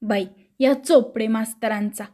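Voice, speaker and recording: A woman's voice: a little high, steady tone, a little slow, dark tone, lightly acted. A woman reading the part of a quarrelsome middle-aged housewife with a scolding tongue.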